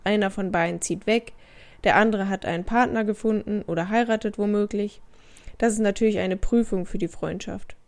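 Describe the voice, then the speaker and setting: Woman for a short Bible devotional, speaking straight to the listener, mid-pitched voice. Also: steady tone, normal speed. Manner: addresses the listener directly with questions.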